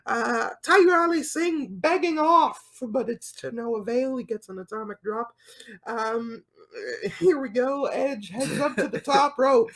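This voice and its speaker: A high-voiced woman co-hosting a wrestling review show. She recaps matches casually, with many fillers, frequent laughter and easy swearing. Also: creaky, fairly bright tone. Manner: laughs often, loose and profane, many fillers. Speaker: podcast co-host.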